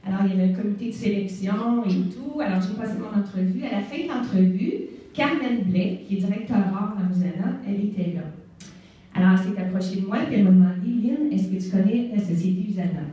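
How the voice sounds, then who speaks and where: A woman's voice: mid-range voice, fast, lo-fi sound. A woman in her forties from Canada with a Québécois accent, telling her own story to an audience in a chatty way, with many fillers. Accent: Québécois French. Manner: warm, conversational storytelling with fillers. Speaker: guest speaker. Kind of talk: personal testimony speech. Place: event hall. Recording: echoey hall, mic far off.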